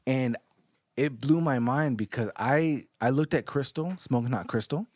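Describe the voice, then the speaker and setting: Swearing often, a thirties-aged man speaks bluntly and sincerely while co-hosting a casual podcast. He has a mid-range voice with a darkish tone, talks a little slowly, and the recording is dry.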